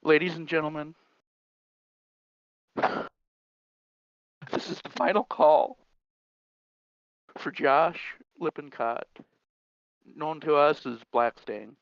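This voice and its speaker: A man making a solemn, drawn-out ceremonial call over CB radio, with muffled radio sound. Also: fairly high pitch, creaky, dry recording. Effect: CB radio transmission. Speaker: trucker giving a memorial final call.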